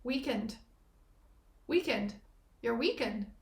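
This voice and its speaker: A woman's voice: on the high side, expressive, takes it slowly. A woman hosting a podcast, musing in reflective spiritual chat and playing on the meanings of words. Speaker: podcast host. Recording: echoey room.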